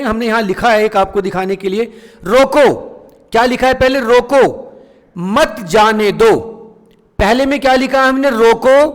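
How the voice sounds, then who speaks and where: A man with a high voice teaches a grammar class. He poses a question, then answers it himself. A long reverb trails his words around the hall. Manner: asks rhetorical questions and answers them himself. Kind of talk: Hindi grammar lesson.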